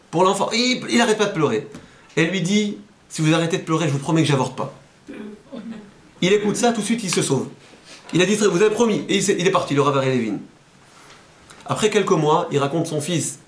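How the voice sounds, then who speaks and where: A man, a rabbi, giving a sermon and telling a story with lively, animated delivery. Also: brisk, pauses often, echoey room. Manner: animated storyteller, voices quoted speakers, rises high at emotional peaks.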